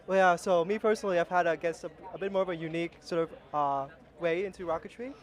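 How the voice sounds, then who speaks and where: A man's voice: sits high, fast talker. A young man from Vietnam, a rocketry team's flight simulation lead, talking casually outdoors at a launch site with many fillers and restarts. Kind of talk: casual interview.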